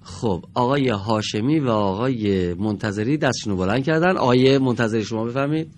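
A male teacher leads a reading lesson in a TV studio, speaking at a mid pitch. He is patient and draws out each word slowly for the class. A faint noise runs behind his voice. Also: a little mellow. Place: TV studio with children.

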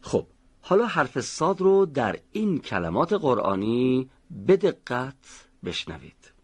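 A man teaching Quran recitation, explaining how to pronounce a letter and slowly sounding out example words. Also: mid-range voice, sing-song, breathy edge. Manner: slow, deliberate pronunciation of example words. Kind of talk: instructional lesson. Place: recording studio.

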